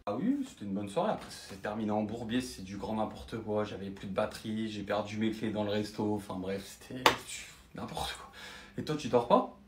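A man's voice: lowish voice, lively intonation, a little fast, a little mellow. A man playing a sheepish boyfriend who makes placating excuses in a comedy sketch. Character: sheepish boyfriend home late. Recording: roomy echo.

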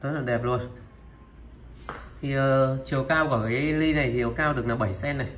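A man presenting used Japanese goods for sale, item by item, in a steady and repetitive way. He talks to viewers familiarly and fills his pauses with filler sounds. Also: medium pitch, slight background noise. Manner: steady, repetitive, opens nearly every line with a pointing word. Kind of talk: product showcase sales talk.

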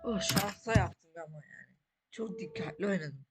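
A woman's voice: lowish voice, animated, normal speed, over loud music. Frustrated woman narrating her gameplay. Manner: frustrated self-talk, repeats short phrases. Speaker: gamer playing a frustrating platform game. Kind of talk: casual game commentary. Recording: loud background noise with clicks.

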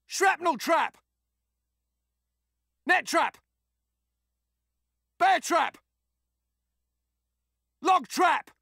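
A scrappy little raccoon soldier from a fighting game, cocky and sarcastic. The voice is high and gravelly, swooping wildly as it throws out brash taunts. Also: male voice, fairly bright tone, no room sound, clean studio sound, heavily acted. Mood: fierce shouting. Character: cocky, foul-mouthed, scrappy male raccoon space soldier.

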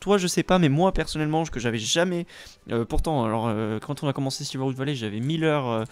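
A man's voice: mid-range voice, fast, clean tone. A man co-hosting a let's play video, chatting in an easygoing, hesitant way and repeating words. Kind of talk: casual gameplay chat.

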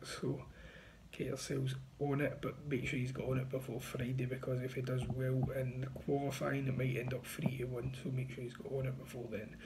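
Gravelly man giving betting tips. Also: mid-range voice, a little mellow, slight background noise. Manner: confident, chatty, pushing bets. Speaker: betting tipster. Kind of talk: casual to-camera tips. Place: small indoor room. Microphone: phone front camera at arm's length.

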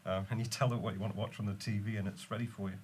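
A man's voice: fairly low pitch, flat delivery, racing, darkish tone, a little hiss or hum. A man, a tech company guest, explaining his product enthusiastically in casual chat with some fillers.

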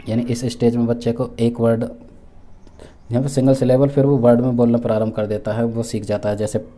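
A man from India delivers an exam-prep lecture in a deep, mellow and very dark voice. His pitch stays flat and even as he works through each point. He restates every term twice and fills the gaps with restarts. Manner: repeats each point with Hindi and English terms; many fillers and restarts, measured explaining. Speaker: teacher for exam preparation.

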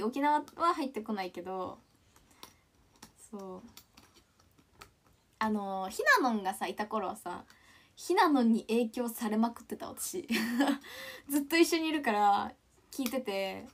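A young woman in her twenties from Ishikawa, Japan, chats casually on a livestream, giggling and reading comments aloud. Her accent is mostly standard Japanese with Kansai touches slipping in. Her fairly high voice is sing-song and unhurried, with long pauses.

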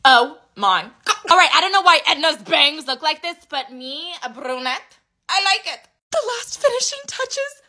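A woman's voice: high voice, expressive, moderate pace, bright, forceful tone. A young adult woman, a comedy creator, talking in a casual, dramatic and self-mocking way. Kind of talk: casual vlog chat.

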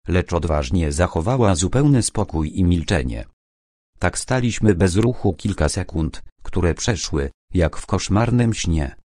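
A man narrating an audiobook in a measured, dramatic storytelling manner. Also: low voice, darkish tone, no echo, studio quality. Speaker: audiobook reader.

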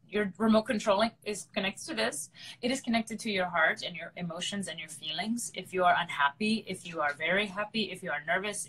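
A woman's voice: medium pitch, fairly bright tone, rough recording. A woman opera singer, a guest in a live online interview, explaining things earnestly and repeating her points for emphasis.

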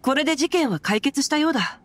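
A woman's voice: high-pitched, lively intonation, quick pace, fairly bright tone, a little hiss or hum. A woman voicing a witty young nobleman swordsman in a video game, breezy and glib. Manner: glib, breezy, proverb-quoting.

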